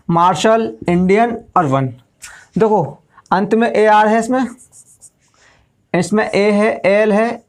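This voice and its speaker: A male English teacher, giving a classroom lesson and explaining step by step, asking questions and then answering them himself. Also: sits high.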